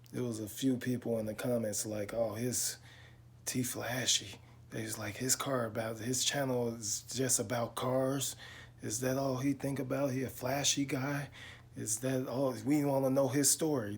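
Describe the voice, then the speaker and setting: A man, talking slowly and reflectively to his viewers in a casual vlog, with lots of pauses and fillers. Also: fairly low pitch, darkish tone, slightly rough. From Chicago. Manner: slow, reflective storytelling with many pauses and fillers. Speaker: car vlogger. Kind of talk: casual talk to camera.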